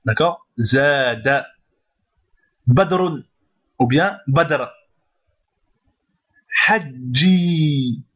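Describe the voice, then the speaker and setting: A man's voice: mid-range voice, a little slow, long pauses, muffled recording. A man teaching a step-by-step language lesson, patiently repeating each word and checking that the listener follows. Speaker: Arabic teacher.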